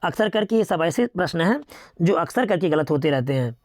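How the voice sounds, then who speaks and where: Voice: medium pitch, a little fast, dry recording, clean studio sound. A teacher giving a grammar lesson, steadily reading out word pairs and often stopping to remind students to remember them. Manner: steady, methodical listing with repeated reminders to remember.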